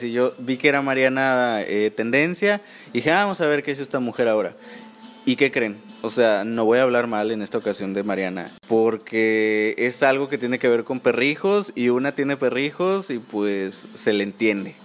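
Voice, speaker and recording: A man's voice: medium pitch, a bit bright. A man with a Mexican accent hosting a podcast in a casual, gossipy chat, often tagging his phrases with little questions. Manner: chatty, informal, gossipy, often ends phrases with tag questions. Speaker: podcast host.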